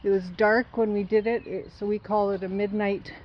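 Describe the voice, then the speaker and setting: A middle-aged woman, explaining her tree planting in a halting way with many fillers. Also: mid-range voice, flat delivery, muffled recording, a little hiss or hum. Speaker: homesteader showing her garden. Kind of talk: casual explaining to camera. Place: outdoors by a driveway.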